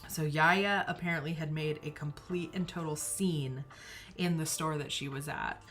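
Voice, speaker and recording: A woman's voice: low voice, fairly even intonation, moderate pace, a bit bright, faint music behind. A young woman hosting a knitting livestream, telling a family story in a casual, giggly way with lots of filler words.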